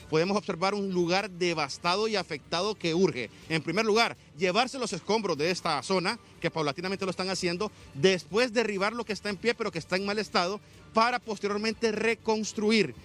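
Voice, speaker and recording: A man in his thirties from Honduras, reporting live outdoors at night into a handheld microphone with a formal, measured delivery. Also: sits high, a bit bright. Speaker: field reporter.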